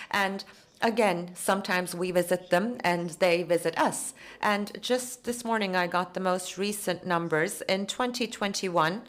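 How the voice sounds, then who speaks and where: Low-voiced woman interpreting a speech. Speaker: conference interpreter. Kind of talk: simultaneous interpretation of speeches into English.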